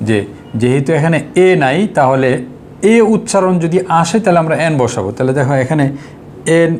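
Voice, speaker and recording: A man's voice: medium pitch, darkish tone, slight background noise. A young Bangladeshi man with a Bengali accent teaches an English grammar lesson. He asks his students a question and then answers it himself.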